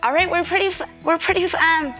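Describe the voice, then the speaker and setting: A woman's voice: extremely high pitch, a little fast, bright, forceful tone, soft background music. A young woman gymnastics coach giving an upbeat, encouraging lesson on a kids' show.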